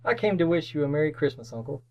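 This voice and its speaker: Man playing a cheerful nephew, higher-pitched, slightly dull sound. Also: lively intonation, fast. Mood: earnest, warm. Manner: earnest, gently persuasive. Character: cheerful, kindly, good-natured nephew of a miser. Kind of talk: re-created old-time radio drama acting.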